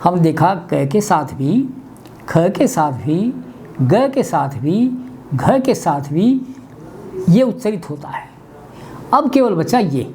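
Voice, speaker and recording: A man giving a webinar lesson on pronunciation, spelling out letters one by one as he writes them and explaining each step deliberately. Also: a little high, warm tone, slight background noise. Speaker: Hindi language teacher.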